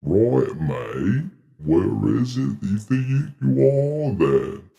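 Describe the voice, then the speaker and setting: A man's voice: lowish voice, very animated, very slow, vocal fry, warm tone, dull audio, full character voice. A man voicing a wary, lonely talking ship that keeps calling people mate, in a tabletop game. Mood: gruff. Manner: drawling, keeps saying mate and right.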